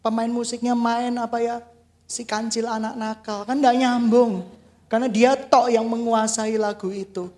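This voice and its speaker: A man preaching a sermon as a worship leader, animated and laughing often, swinging between loud outbursts and quiet asides. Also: very high-pitched.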